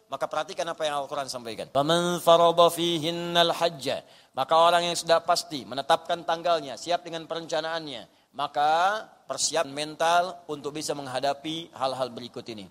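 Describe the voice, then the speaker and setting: A male preacher giving a sermon, lively, dropping to hushed storytelling and rising to loud urging. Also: sits high. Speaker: ustaz, preacher. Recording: long hall reverb.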